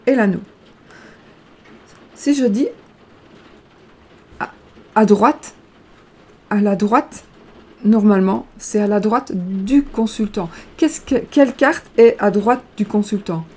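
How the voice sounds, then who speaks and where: A woman's voice: medium pitch, a little mellow, breathy edge. A woman reading fortune cards aloud in a casual tutorial, hesitant and stumbling over her words. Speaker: card reader.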